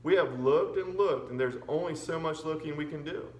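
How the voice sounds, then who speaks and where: A man's voice: a little high, distant mic, highs cut off, pitched above the performer's own voice, natural voice. Man reading as weary, grieving preacher father. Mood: firm, resigned. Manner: measured, earnest, resigned. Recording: roomy echo with background noise.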